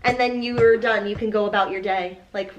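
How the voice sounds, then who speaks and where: A woman co-hosting a podcast in casual chat, easygoing and quick to laugh. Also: mid-range voice, fairly even intonation, slight background noise. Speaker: podcast co-host.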